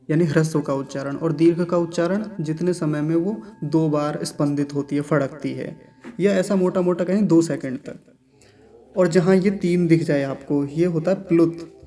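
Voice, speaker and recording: A man's voice: on the high side, dark tone. A man teaching Sanskrit mantra pronunciation, patiently repeating each syllable and explaining sounds carefully.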